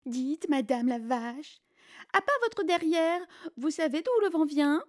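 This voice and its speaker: A tiny chatterbox chick, put on by a woman reading aloud, piping up with endless questions in a very high, squeaky voice. This is a storybook voice, inquisitive and relentless. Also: lively intonation, slow pace. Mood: curious.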